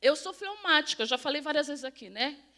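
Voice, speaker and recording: A woman's voice: sits high, lively intonation, a little fast, pushed and bright. A middle-aged woman with a Brazilian accent, a pastor giving a chatty sermon and quizzing her congregation directly. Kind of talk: conversational sermon. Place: church sanctuary.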